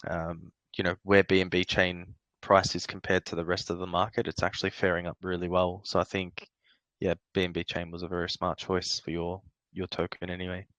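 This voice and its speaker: A man hosting an AMA interview, casual and agreeable, asking questions with quick affirmations. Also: sits low, monotone, fairly bright tone, no room sound. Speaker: interview host.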